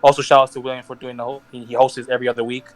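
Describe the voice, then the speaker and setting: A young man hosting a casual group podcast, rambling through heartfelt shout-outs with restarts and laughs. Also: medium pitch, level tone, racing. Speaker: podcast host.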